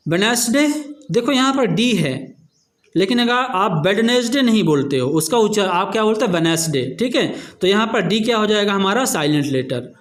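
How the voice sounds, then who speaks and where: A man's voice: sits high, lively intonation, normal speed. A man teaching a revision lesson, spelling words out letter by letter and answering his own questions as he explains.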